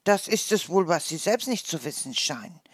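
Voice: mid-range voice, very animated, normal speed, slightly rough, no echo, clean studio sound. A storyteller voicing a small, curious, naive hedgehog who asks wondering questions.

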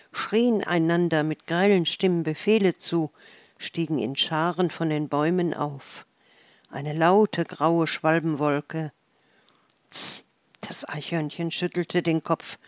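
A woman narrating a children's storybook in a calm, measured way. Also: sits low, no room sound.

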